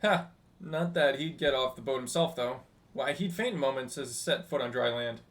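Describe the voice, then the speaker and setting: A man voices a chatty, teasing ship's technical officer from a game, reading the lines in an animated, slightly halting way. His pitch is medium and the acting light, with a chatty, amused mood.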